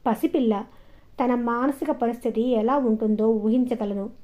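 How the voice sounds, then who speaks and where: A woman's voice: fairly high pitch, fairly even intonation, normal speed, warm tone, lightly acted. A woman voicing a grieving old grandmother. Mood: reproachful. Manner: reproachful and tender. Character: grieving elderly grandmother, gentle but firm.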